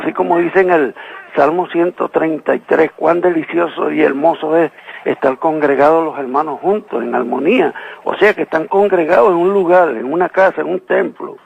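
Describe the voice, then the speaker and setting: Calling a live radio program by phone, this man from Venezuela asks about the Bible and earnestly quotes scripture one verse at a time. He sounds a little high, husky, with vocal fry. The recording comes across muffled.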